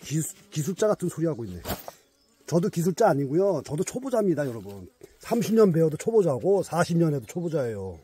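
A man's voice: on the high side, big pitch swings, fairly quick, mellow, breathy edge. Chatty man talking to his bees. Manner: chatty, talks to his bees and viewers, emphatic. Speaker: beekeeper vlogger. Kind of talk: casual outdoor vlog. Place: mountain forest outdoors.

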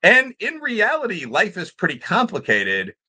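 His pitch sits high and swoops wildly, and his voice sounds pushed, bright and slightly rough at a moderate pace. This middle-aged man is making an extemporaneous argument in a panel discussion over video call, academic, discursive and emphatic, from a room with bookshelves.

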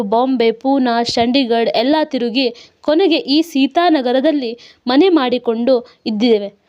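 A sorrowful middle-aged woman recounting her life, tearful and reflective in this storybook reading, as a woman voices her. The voice is high and mellow, and the sound is dull and lo-fi. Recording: dull lo-fi recording.

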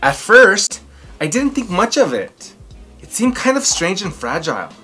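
Hosting a children's story time from a small furnished room at home, a man in his thirties reads aloud with theatrical emphasis. His voice is high, sing-song, sharp and husky, moving at a measured pace, with faint music playing behind him.

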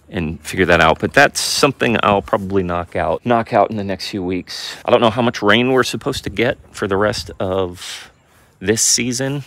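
A man vlogging about his homestead project, explaining his plans in a practical, thinking-aloud way and sounding excited about it. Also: low voice, dry recording. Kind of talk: casual on-camera explanation.

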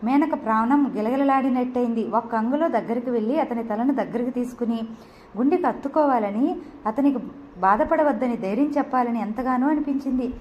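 A woman narrating an audio novel with steady, expressive storytelling. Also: fairly high pitch, brisk, lo-fi sound, a little hiss or hum.

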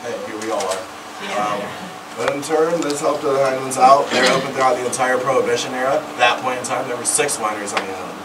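Male tour guide, young adult, wry and informal, cave echo, distant camera mic with loud background noise. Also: medium pitch. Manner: casual, wry, practised patter. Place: inside a small rocky cave underground. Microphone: distant handheld camera mic.

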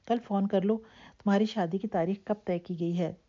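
A woman's voice: mid-range voice, fairly even intonation, dark tone, close to an everyday voice. Woman reading as a worried young man. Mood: anxious. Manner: anxious, then soothing. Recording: dull lo-fi audiobook recording.

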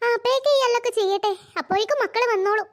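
A woman's voice: extremely high pitch, fast. A woman voicing a busy, scolding mother of three in a cartoon. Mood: chatty. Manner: scolding, bustling. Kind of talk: cartoon voice acting.

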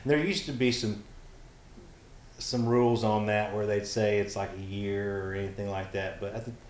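A man's voice: on the low side, normal speed, reverberant, a little hiss or hum. A man who is a songwriter guest, telling stories casually in an interview, livening up when he quotes people. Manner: animated when quoting others, trailing restarts. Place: back porch studio.

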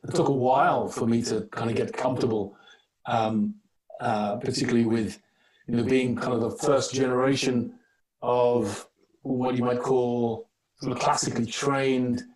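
A middle-aged man talks on a video-call panel from a home room with bookshelves. He is halting and reflective and restarts his sentences often. The roomy, distant audio makes him sound set back from the mic. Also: mid-range voice, flat delivery, darkish tone. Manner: halting, thoughtful, many restarts. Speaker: actor on a panel. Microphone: wired earbuds on a video call.

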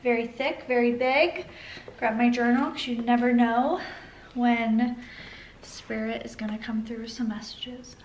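Soft-spoken young woman vlogging, pregnant. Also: fairly high pitch, steady tone, unhurried, poor audio. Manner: soft, reflective, trails off into whispers. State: heavily pregnant. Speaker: lifestyle vlogger. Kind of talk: casual vlog talk to camera. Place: parked car, then outdoors by a river. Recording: clear background noise.

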